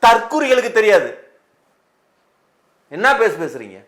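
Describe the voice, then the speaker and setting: Speaking at a measured pace in a high, slightly bright, sing-song voice, a male film director with a Tamil accent pleads through tears during an interview. His voice keeps breaking as he gives these emotional answers.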